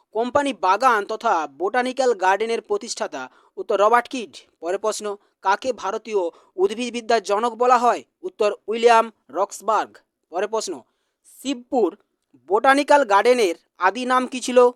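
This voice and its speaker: A man teaching, reading exam questions and their answers in a brisk, repetitive quiz drill. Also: high voice, no echo, studio quality.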